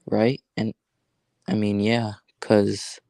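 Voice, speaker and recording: A man hosting a casual livestream chat, rambling and halting with many fillers and restarts. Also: lowish voice, level tone, warm tone, no echo. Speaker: livestream host.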